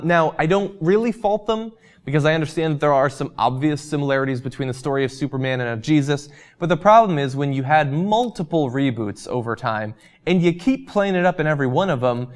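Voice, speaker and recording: A man's voice: on the high side, fairly quick. Casual man answering viewer comments. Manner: relaxed, chatty, frequent ums and uhs. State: losing his voice. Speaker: host.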